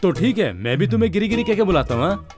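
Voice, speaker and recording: A man voicing a level-headed village drummer who talks calmly and teases in a dubbed film. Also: high voice, fast talker, over music.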